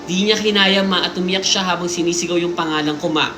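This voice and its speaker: Woman host on a live stream reading a story out, chatty and animated, roomy sound with music going behind her. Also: fairly low pitch, fast. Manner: animated storytelling, Taglish, jokes and asides. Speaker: livestream host. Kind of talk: reading listener stories aloud on a live stream.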